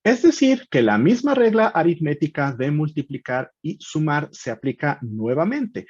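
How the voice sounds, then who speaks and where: A man narrates a language lesson in a scripted, step-by-step way, his voice slightly husky and swinging lively up and down. The recording is dry and close. It sounds somewhat dull and lo-fi. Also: fairly high pitch, no room sound. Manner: calm step-by-step explaining, spells out example sounds slowly. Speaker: language teacher.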